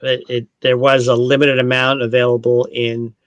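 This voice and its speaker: A Canadian-raised man at the middle of the male pitch range talks through a relaxed video-call tasting. He explains at length, often stopping to correct himself. The recording is close and dry, with no room sound. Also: moderate pace, no room sound, lo-fi sound. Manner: explanatory, rambling, with frequent self-corrections. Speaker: distillery brand ambassador. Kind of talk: casual online tasting chat.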